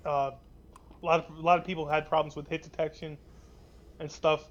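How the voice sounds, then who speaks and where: A man's voice: fairly high pitch, flat delivery, fairly quick, highs cut off. A young man co-hosting a casual gaming podcast, rambling with many restarts and swearing freely. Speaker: podcast co-host.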